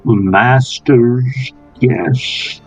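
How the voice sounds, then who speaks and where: A man voicing an eerie servant of a haunted house in a tabletop game, in a low gravelly growl, very slowly and menacingly. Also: soft background music, low-quality recording. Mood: ominous, slow. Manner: very slow, drawn-out, menacing delivery.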